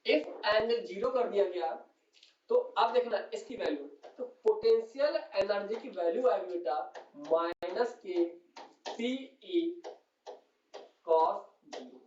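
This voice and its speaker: A male physics teacher speaks slowly in a high-pitched, darkish voice as he explains on a whiteboard, slight background noise underneath. He keeps calling students "beta" and answers the questions he asks. The recording sounds distant, roomy and dull.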